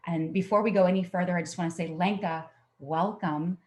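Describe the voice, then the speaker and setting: A woman's voice: lowish voice, fairly even intonation, fairly quick, a little mellow. A woman hosting a podcast and interviewing a guest in a friendly, conversational way. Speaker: podcast host.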